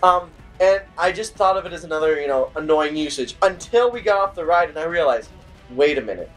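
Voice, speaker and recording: Guy ranting while gaming, slightly high voice, gets loud and exasperated, quiet music in the background. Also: a little fast. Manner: animated, exasperated storytelling; bursts into shouting at the game. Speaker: gaming video co-host. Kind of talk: casual chat while playing a game.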